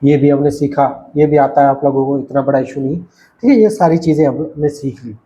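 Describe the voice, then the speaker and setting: A man's voice: mid-range voice, moderate pace, dark tone, a little hiss or hum. A man teaching a lecture at a writing board, explaining patiently and repeating himself with frequent checks that his students are following. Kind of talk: recorded lecture. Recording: dull lo-fi recording.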